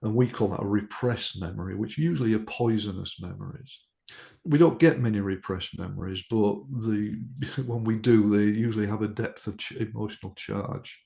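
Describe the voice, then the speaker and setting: A man's voice: fairly low pitch, gravelly, a little mellow. A man, a hypnotherapist, telling a case story on a podcast in an anecdotal way, with frequent ums and restarts.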